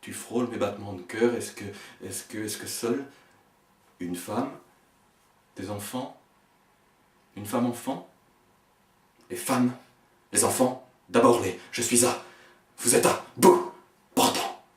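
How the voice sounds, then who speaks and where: Slow, echoey man reciting fragmented poetry. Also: medium pitch. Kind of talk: experimental spoken-word poetry performance. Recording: echoey room, voice far from the mic.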